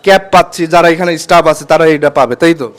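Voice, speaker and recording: A high-voiced man talks quickly and excitedly straight to his viewers. He is chatty and repeats himself as he points things out, in a casual vlog. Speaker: vlogger.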